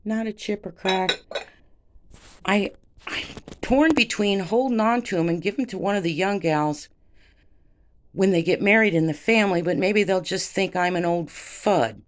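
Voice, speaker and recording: A woman's voice: medium pitch, moderate pace. An older woman who resells vintage glass, chatting to her viewers in a rambling, sentimental way. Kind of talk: casual vlog chat.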